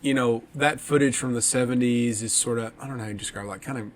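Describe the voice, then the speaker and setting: A man's voice: mid-range voice, steady tone, fast. Easygoing man co-hosting a podcast. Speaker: podcast co-host. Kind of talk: casual chat.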